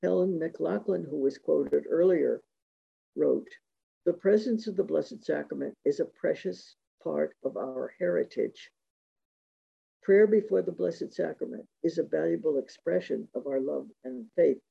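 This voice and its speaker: Gravelly, dark-voiced man giving a lecture. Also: a little high. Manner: measured, reading quotations aloud. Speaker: speaker giving a talk on Eucharistic spirituality. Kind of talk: reflective lecture with quotations. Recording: dull lo-fi recording.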